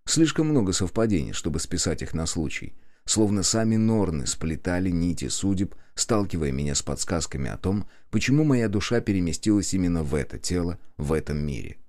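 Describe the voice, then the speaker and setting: A man narrating an audiobook in the first person with steady, expressive storytelling. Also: low voice, fairly quick.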